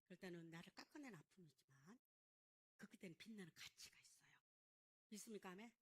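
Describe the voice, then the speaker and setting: A woman's voice: medium pitch, expressive, fairly quick, husky. A middle-aged woman pastor preaching a sermon with emphatic call-and-response questions, acting out the lines of biblical figures. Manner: acts out biblical figures' lines in dramatic voices.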